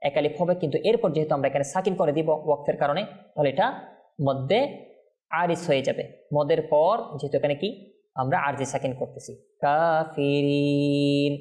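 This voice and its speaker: Patient quran teacher guy, kinda high voice, drags out example words slow. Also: a little mellow. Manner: patient, keeps checking in with listeners; demonstrates words slowly, drawn out. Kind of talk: tajweed lesson, explaining pronunciation rules.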